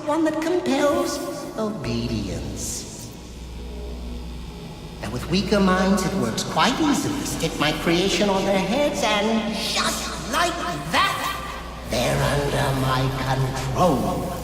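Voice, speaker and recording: A man's voice: sits high, huge pitch swings, slow, heavily acted. Echoing, swooping Mad Hatter madman. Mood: gleeful, menacing. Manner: sing-song, giggling, erratic emphasis. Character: mad, theatrical male villain obsessed with Wonderland and mind control. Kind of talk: theatrical video game villain acting. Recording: very echoey hall reverb under loud music.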